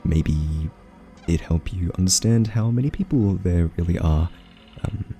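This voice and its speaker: Over faint music, a man plays a male scientist in a gentle, soft-spoken ASMR roleplay, using a deep, warm, softened voice. The character is earnest and socially awkward, groping through his sentences with halting, nervous hesitations and many ums.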